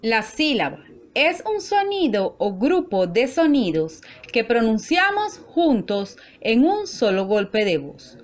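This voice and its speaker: A woman teacher talks through a recorded lesson at an unhurried, deliberate pace. Her voice sits a little high and moves up and down a lot as she sounds out each syllable with care. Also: sing-song. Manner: slow, careful, spelling out syllables.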